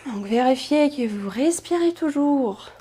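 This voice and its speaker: A woman instructor calmly guiding a pilates class, cueing movements and counting, with soft whispered asides. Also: high-pitched, a little slow, slightly rough. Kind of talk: guided exercise class instruction.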